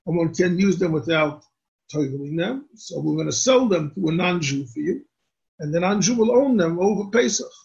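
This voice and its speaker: A man, a rabbi, answering questions on religious law in a deliberate, explanatory way and restating his points. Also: sits high, animated, vocal fry, darkish tone. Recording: dull lo-fi recording.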